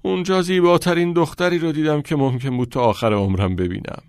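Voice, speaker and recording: A man's voice: fairly high pitch, clear, resonant tone, no room sound, pitched above the performer's own voice, lightly acted. Man doing teenage schoolboy, lovesick, wailing, raised voice, dry close sound. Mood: anguished. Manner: wailing, overwrought.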